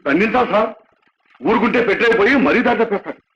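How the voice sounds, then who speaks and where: A man's voice: high voice, expressive, quick pace, vocal fry, a bit bright, husky, full character voice. An actor playing a humble, kind-hearted prison constable who talks earnestly and deferentially to his boss, in a film drama with a dull, lo-fi soundtrack. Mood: earnest, pleading.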